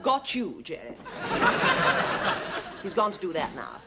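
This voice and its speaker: An actress playing a prim, pompous, fussy suburban wife, in the stiffly formal manner of a 1970s sitcom. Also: female voice, lowish voice, very animated, measured pace, heavy background noise. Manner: stiffly formal, easily affronted.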